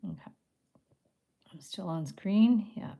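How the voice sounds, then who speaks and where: A woman in her fifties hosts a live craft tutorial, talking her viewers through each step in a relaxed, chatty way. Her voice sits at an ordinary middle pitch for a woman. When her hands get busy, she slips into quiet murmurs and near-whispers. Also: slow, gravelly. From Canada. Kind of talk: live craft tutorial, thinking aloud while working.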